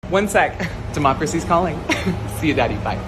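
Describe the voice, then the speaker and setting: A man playing a bubbly, flamboyant young male intern in a comedy sketch, loud and gushing. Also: on the high side, animated, moderate pace, background noise, close to an everyday voice. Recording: loud music behind.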